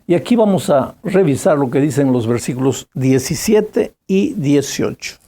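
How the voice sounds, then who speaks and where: Animated preacher with a husky, warm voice. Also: medium pitch, normal speed. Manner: animated storytelling, repeats phrases; asks the listener direct questions. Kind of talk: sermon.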